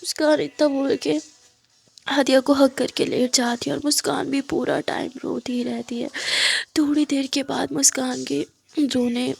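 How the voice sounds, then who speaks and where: Woman storyteller, high voice, gravelly texture, soft near-whispered narration. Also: little pitch movement, a little slow. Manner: soft, often drops to a whisper. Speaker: storyteller, channel host.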